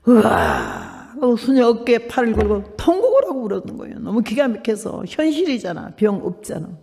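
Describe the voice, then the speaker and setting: A woman's voice: a little high, sing-song, fairly quick, mellow, big-room sound. Fervent woman in her eighties preaching. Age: 80s. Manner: fervent, emphatic storytelling, acting out quoted people. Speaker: missionary preacher. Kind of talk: testimony sermon.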